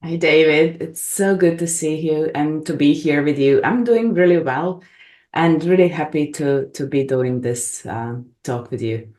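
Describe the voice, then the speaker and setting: A gentle, reflective middle-aged woman from Bosnia and Herzegovina, whose first language is Bosnian and Croatian, joins a casual interview as a guest regression facilitator, speaking English over a video call. Her voice is low and measured, recorded in an echoey room.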